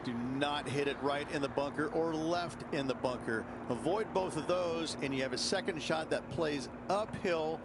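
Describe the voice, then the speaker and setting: A man analyses golf for a video game in an instructive way, addressing the player directly. His voice is somewhat high. The outdoor ambience behind him is loud. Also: normal speed, hardly any pauses, very noisy. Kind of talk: sports commentary in a video game.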